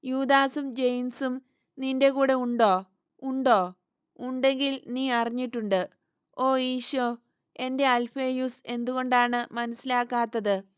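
A woman voicing a grieving middle-aged mother who pleads loudly and with anguish about her family. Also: sits high, level tone, slow pace, long pauses, clean tone, no room sound, studio quality.

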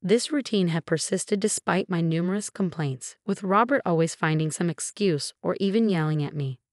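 A woman's voice: on the low side, normal speed, darkish tone, dry recording, studio quality. Woman narrating a revenge story. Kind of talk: scripted first-person story narration.

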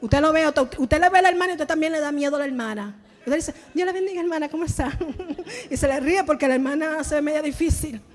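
A very high-voiced woman pastor preaching to a congregation. She preaches in an animated way and slips into the voices of church members. The long reverb of a church sanctuary trails each phrase. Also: a little fast. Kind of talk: sermon.

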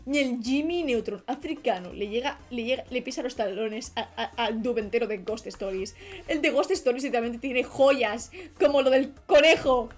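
A young woman streamer and illustrator chats casually while drawing on a live stream, her fairly high voice moving at a moderate pace. She rambles and trails off as she works, with faint music playing behind her.

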